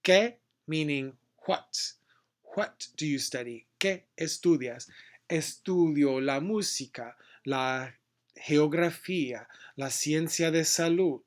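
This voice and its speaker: Slow, deliberate man teaching. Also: on the high side. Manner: slow, deliberate modeling of phrases, switching between Spanish and English. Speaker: Spanish teacher. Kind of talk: casual language lesson.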